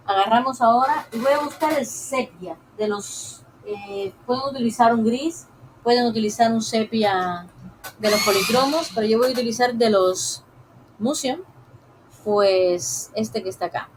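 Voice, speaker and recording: A woman teaching a live drawing lesson, talking softly and unhurriedly to viewers as she works. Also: on the high side, lively intonation, slight background noise, low-quality recording. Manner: soft, unhurried, talks while drawing; addresses viewers directly.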